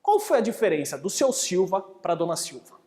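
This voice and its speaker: Animated storytelling course instructor. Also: mid-range voice, normal speed, big-room sound. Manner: animated storyteller who acts out characters. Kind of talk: lively storytelling lecture.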